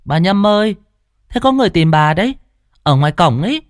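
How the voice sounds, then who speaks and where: A man voicing a brisk young village servant girl in a spoken ghost story, calling out quickly. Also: high voice, big pitch swings, clear, resonant tone, no room sound, studio quality, pitched above the performer's own voice. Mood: eager.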